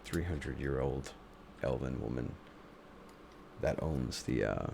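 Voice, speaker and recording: A man improvising narration as a tabletop game master, thinking aloud in a halting way. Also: a bass voice, creaky, background noise.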